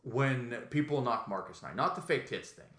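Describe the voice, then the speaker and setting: A man's voice: mid-range voice, lively intonation, moderate pace, fairly bright tone, echoey room. A man hosting a podcast in casual chat, telling rambling, profane stories with quoted voices. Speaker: podcast host.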